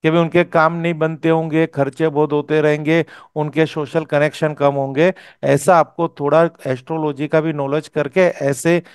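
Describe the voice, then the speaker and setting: A man's voice: on the high side, little pitch movement, moderate pace, few pauses, clear, resonant tone, no room sound, clean studio sound. A man teaching a course, explaining step by step and often checking that his student follows. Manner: explanatory, checks understanding with "okay?". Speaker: vastu teacher.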